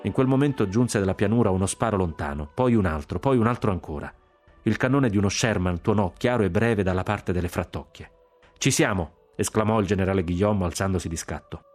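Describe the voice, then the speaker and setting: Italian male audiobook narrator, very low voice, faint music underneath. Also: fairly quick, darkish tone. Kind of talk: literary audiobook reading.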